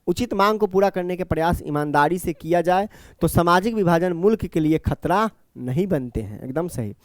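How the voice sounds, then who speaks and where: A man's voice: sits high, lively intonation, moderate pace, no echo. A man teaching a class. He explains each point by repeating it and answers his own questions. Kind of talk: classroom lecture.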